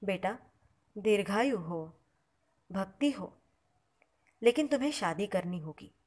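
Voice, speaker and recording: A gentle elderly holy mother speaks softly and reassuringly, as a woman reads her part aloud. Her voice is motherly and affectionate, and her words come slowly and unhurried. It is a storybook reading, not a staged performance. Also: mid-range voice, expressive. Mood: tender.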